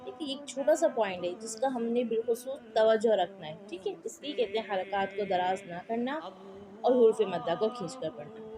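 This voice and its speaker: A woman's voice: a little high, animated, brisk, a crowd in the background. A woman teaching Quran reading in a patient, explanatory way. She repeats each point and keeps checking that her students follow. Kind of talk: slow explanatory lesson with spelled-out drills.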